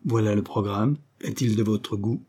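A man's voice: lowish voice, moderate pace, warm tone, slightly rough. A man reading the part of a cheerful, exclamatory male painter full of plans. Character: jovial, lively male painter, host friend.

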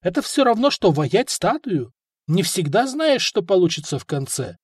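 A man voicing a fussy, pompous male scholar of rhetoric who pleads in a high, squeaky voice. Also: very animated, moderate pace, slightly rough, no echo, studio quality, heavily acted. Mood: pleading.

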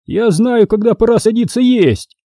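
A man's voice: sits high, animated, moderate pace, dark tone, no room sound, studio quality, voice pushed up. A man reading the part of a cheerful, teasing old man in an audiobook.

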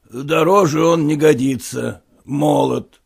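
A man's voice: a little high, a little slow, gravelly, husky, heavily acted. A man voicing a stern elderly general who talks curtly and commandingly. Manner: curt, commanding, dry laughter. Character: stern elderly male general, gruff and mocking.

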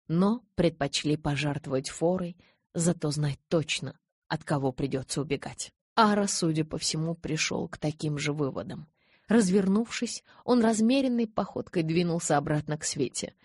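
A woman reading an audiobook as a first-person narrator, in an even, low-key manner. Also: husky, dry recording.

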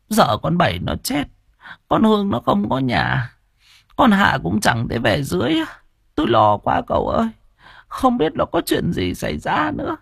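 A man's voice: high voice, dry recording, studio quality, voice pushed up, exaggerated voice. A man voicing a frail, grieving old grandmother, stammering through tears in an audiobook. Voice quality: husky, trembling stammer.

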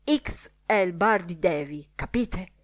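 Woman reading as an excitable old newspaper editor guy, pushy and emphatic, lowish voice. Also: slow pace. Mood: excited. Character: excitable blustering older male newspaper editor.

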